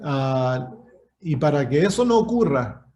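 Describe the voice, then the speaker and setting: A man's voice: fairly high pitch, big pitch swings, a little slow, a little mellow. A male pastor giving an earnest Bible study, often repeating words as he searches for them.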